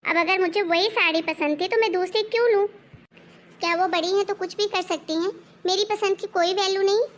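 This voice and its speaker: A woman's voice: very high-pitched, steady tone, brisk, slight background noise. A woman voicing a touchy young daughter-in-law who complains that she is always passed over. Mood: complaining. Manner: complaining, aggrieved.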